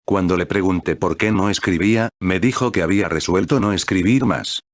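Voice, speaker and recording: Male storyteller, deep and steady, dry close sound. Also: no echo. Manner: measured, steady reading. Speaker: narrator. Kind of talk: scripted story narration.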